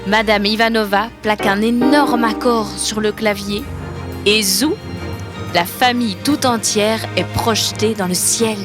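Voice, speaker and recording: Slow, soft-spoken woman storyteller. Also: medium pitch, steady tone, loud music behind the voice. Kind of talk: children's storybook narration.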